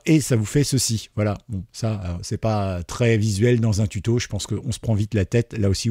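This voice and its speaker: Relaxed man demoing software. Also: on the low side, breathy edge, no room sound, studio quality. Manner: relaxed, chatty, many fillers. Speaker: tutorial host. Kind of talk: screen-recorded software tutorial.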